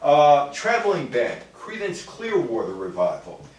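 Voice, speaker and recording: An older, grandfatherly American man gives a casual talk on music history to a live audience in an indoor room. His voice sits a little high, with huge swings in pitch and a slightly slow delivery. The room is very echoey and the microphone is far from him.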